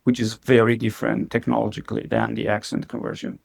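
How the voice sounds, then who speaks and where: This company CEO, interviewed casually on a podcast, talks fast with a fairly low, flat, creaky and slightly rough voice. He uses the filler "like" heavily and often starts his sentences over.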